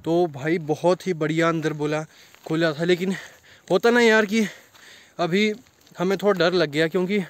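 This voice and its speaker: A man's voice: a little high, fairly even intonation, normal speed, no room sound. A young man vlogging outdoors by a cave, out of breath and a little nervous, talking to viewers as brothers while holding a phone camera. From India. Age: young adult. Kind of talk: casual outdoor vlog. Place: hillside and inside a rock cave. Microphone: handheld phone camera.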